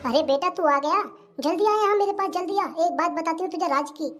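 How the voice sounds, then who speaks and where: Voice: very high-pitched, brisk, over loud music. Voice actor doing a fussy old village mother-in-law. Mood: fretful. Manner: fussy and dramatic, mutters asides to herself. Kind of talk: cartoon comedy voice acting.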